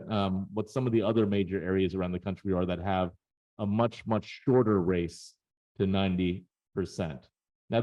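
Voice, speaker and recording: A man's voice: fairly low pitch, dark tone, dull audio. A man presenting data in a webinar, explaining charts in a casual, conversational way with frequent fillers.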